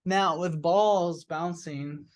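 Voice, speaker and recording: A young man teaching a class, walking students through software steps in a casual way, with fillers and chuckles. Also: fairly high pitch, steady tone, very slow, no echo.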